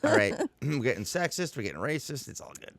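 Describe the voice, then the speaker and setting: A man's voice: mid-range voice, sing-song, quick pace, vocal fry, fairly bright tone, dry recording. A man co-hosting a podcast as a comedian, chatting casually and teasing his co-hosts, often breaking into laughter. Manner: joking, teasing, bursts of laughter. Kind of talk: casual chat.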